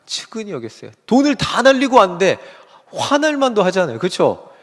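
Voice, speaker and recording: Man, pastor preaching, lively rising and falling voice, long church reverb. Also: sits high, fairly quick. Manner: animated preaching with questions to the congregation. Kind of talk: sermon. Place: church sanctuary.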